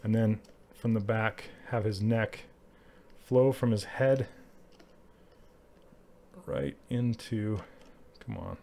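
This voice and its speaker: A man's voice: on the low side, fairly even intonation, slow pace, gravelly, long pauses, warm tone, slight background noise. A man teaching 3D character sculpting on a live stream, chatty and laughing often as he works and answers chat. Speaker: 3D art instructor streaming live. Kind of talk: casual live-stream tutorial.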